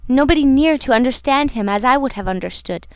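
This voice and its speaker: A heartbroken young woman mourns the man she loved in a low, pleading murmur, voiced by a woman reading the story. Her tone stays smooth and clear throughout. The recording is dry and close. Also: animated, a little fast, dry recording. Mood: grieving.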